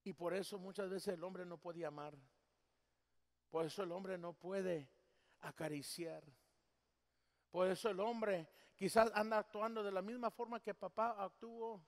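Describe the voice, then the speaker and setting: A man preaching a sermon as pastor in a church, swinging from loud emphasis to hushed tenderness. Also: high-pitched, steady tone, unhurried. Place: church sanctuary. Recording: long hall reverb.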